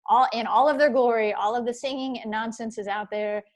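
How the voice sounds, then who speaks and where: A woman's voice: fairly high pitch, steady tone, brisk. A woman teaching a university class over a video call. She talks casually and rambles, with lots of fillers and playful asides. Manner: chatty, rambling, many fillers; playful, sings snatches. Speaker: university instructor. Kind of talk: casual online lecture. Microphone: computer mic on video call.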